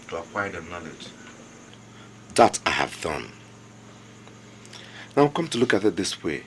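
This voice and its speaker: A man's voice: mid-range voice, husky. An actor playing a respectful but insistent young local government chairman with a Nigerian accent, earnest and deferential while pressing his point. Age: young adult. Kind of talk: film drama acting.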